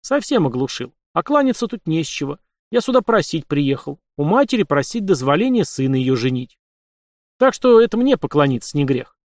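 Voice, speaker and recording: A man's voice: fairly high pitch, big pitch swings, fairly quick, no echo, clean studio sound. A man voicing a confident young nobleman who speaks in an assured, matter-of-fact, commanding way. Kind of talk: audiobook character voice.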